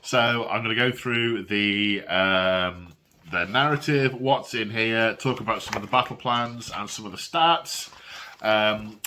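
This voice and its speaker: Deep-voiced man with a cold, rambling. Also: a little slow, sharp tone, a little hiss or hum. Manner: rambling and self-deprecating, with frequent restarts. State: has a cold, coughing. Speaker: miniature wargaming hobby channel host. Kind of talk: casual unboxing and rules review vlog. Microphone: phone camera.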